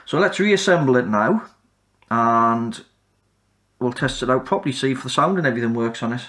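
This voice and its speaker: Man calmly talking through a repair. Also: medium pitch, normal speed. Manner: relaxed, matter-of-fact, does spoken mic checks. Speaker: host of a repair channel. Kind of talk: casual repair walkthrough.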